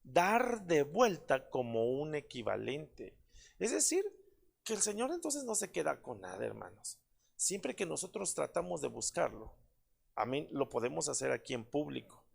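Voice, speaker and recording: A man's voice: on the high side, sing-song, moderate pace, vocal fry, breathy edge. A man, a pastor, preaching a prayer-service sermon in an earnest manner with many fillers and repeated calls to his listeners.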